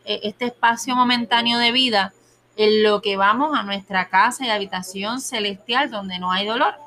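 A woman delivers a sermon with an earnest, emphatic manner, leaning on rhetorical questions to draw the listener in. Her voice sits a little high and sounds bright and forceful. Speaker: preacher.

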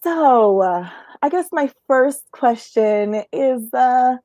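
A woman's voice: high voice, animated, slow pace, dark tone, no echo, studio quality. A woman hosting an interview show, introducing her guest and chatting with theatrical enthusiasm. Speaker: podcast host.

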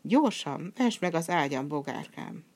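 Woman reading a gruff old fairy-tale knight, low pitch, slow and weighty delivery. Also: lively intonation, darkish tone. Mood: drowsy.

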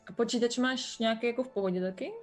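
Lively woman with a high voice. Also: soft background music. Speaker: player. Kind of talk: casual chat during an online game.

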